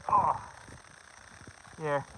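Speaking very slowly, a middle-aged man livestreams a snowy-trail walk with his family's dogs from a handheld phone. He keeps things casual, addressing viewers, his son, and the dogs. Clear background noise fills the outdoor phone audio.

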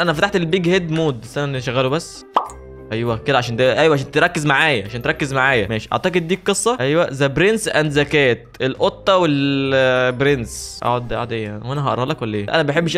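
A man with an Egyptian Arabic accent, commentating a horror game as a video host, excitable and jokey, talking back to the game characters. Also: a little high. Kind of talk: let's play commentary.

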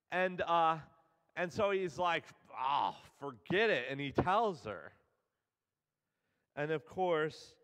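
Male pastor, high-pitched, chatty storytelling sermon, long church reverb. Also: fairly bright tone, smooth. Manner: casual storytelling, paraphrasing characters in everyday speech. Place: church sanctuary.

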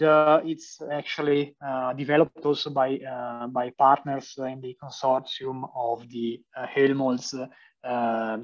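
A young man with an Italian accent, a PhD student giving a university lecture, hesitant with many fillers and restarts. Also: fairly high pitch. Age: young adult. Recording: distant, dull lo-fi sound.

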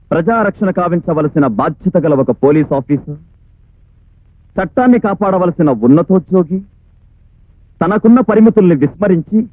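A formal prosecutor, probing a witness. His voice sits high. The sound is dry and tinny, like an old film print. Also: no echo. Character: stern adult male prosecutor questioning a witness. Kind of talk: 1980s film courtroom drama.

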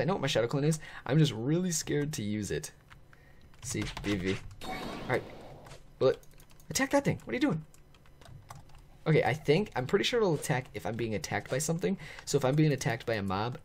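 Animated, excitable man doing game commentary. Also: mid-range voice, slight background noise. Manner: excitable, talks to viewers, often laughs. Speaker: gaming channel host. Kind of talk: let's play commentary.

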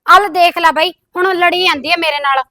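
Brief: woman as a complaining young sister-in-law, very high bright voice. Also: fairly even intonation, brisk, no room sound, clean studio sound. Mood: defensive. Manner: complaining, protests that she does all the work. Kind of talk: comedy skit acting.

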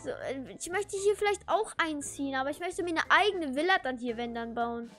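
An excitable, whiny young teenage boy acted by a woman in a Minecraft role-play, high and bright. The delivery is slangy and exclamatory, with light music underneath. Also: brisk. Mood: indignant, slangy. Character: Snoopy, excitable, whiny thirteen-year-old boy. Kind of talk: Minecraft video role-play with asides to viewers.

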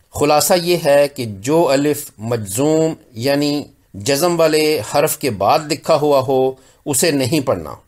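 A man from Pakistan teaching Quran recitation rules, repeating example words slowly and carefully. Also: mid-range voice. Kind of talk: slow explanatory lesson with recited examples.

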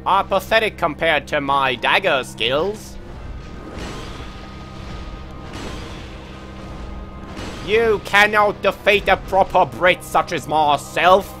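A man voicing a pompous, prim British gentleman in a put-on posh British accent, scolding in a haughty, drawn-out way during game commentary. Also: high-pitched, full character voice. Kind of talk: let's play commentary.

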